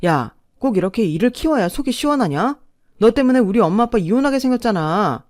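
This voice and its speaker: A woman's voice: a little high, animated, brisk, a little mellow, no echo, close to an everyday voice. A woman voicing a petulant, entitled young husband who blames his wife, recorded close and dry. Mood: blaming. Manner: blaming, whining.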